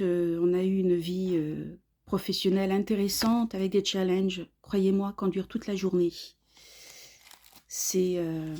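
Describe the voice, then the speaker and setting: A woman in her fifties from Australia, giving an earnest personal testimonial in short, halting phrases. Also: mid-range voice, mellow. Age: 50s. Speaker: course student giving a testimonial.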